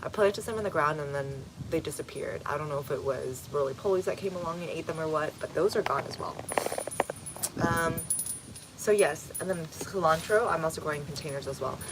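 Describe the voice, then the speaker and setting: A woman with a low voice chats through a livestream from her home garden, answering viewer comments one at a time with easy fillers. She talks outdoors into a phone, and steady outdoor noise runs clearly beneath her voice. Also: fairly quick. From Texas, United States.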